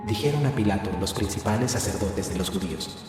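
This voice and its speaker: Male pastor, scripture reading, steady expressive narration, lively pitch, big hall echo, clear music behind. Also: a little fast.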